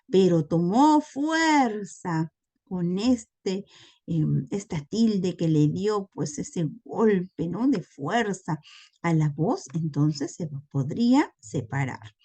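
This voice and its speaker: Slow-spoken woman teaching a lesson. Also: medium pitch, animated, dark tone. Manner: patient, explanatory, checks in with listeners. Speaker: language teacher. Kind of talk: recorded classroom lesson.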